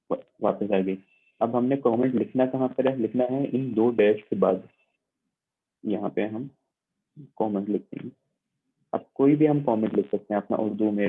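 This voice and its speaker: Husky-voiced man teaching over a tinny line. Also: on the low side. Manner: patient, repetitive explaining with frequent check-ins. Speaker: computing lab instructor. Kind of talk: online lab lecture with screen demonstration. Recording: tinny, phone-like narrow sound.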